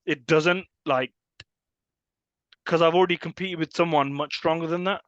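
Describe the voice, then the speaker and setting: A man co-hosting a casual podcast, joking and teasing in quick banter. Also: a little high, fairly even intonation, fairly bright tone, dry recording. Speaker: podcast co-host. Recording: dry, slightly dull sound.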